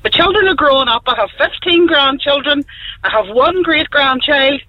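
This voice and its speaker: A woman's voice: high-pitched, expressive, normal speed, no room sound. A woman around sixty, calling in to a radio show, bubbly and cheeky. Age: 60s. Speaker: caller. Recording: phone line.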